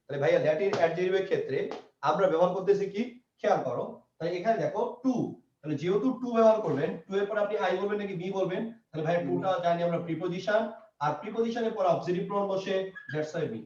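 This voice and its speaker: A man's voice: high-pitched, fast talker, a little mellow. A man teaching an English grammar lesson, repeating points and asking and answering his own questions. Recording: echoey, distant, dull lo-fi room sound.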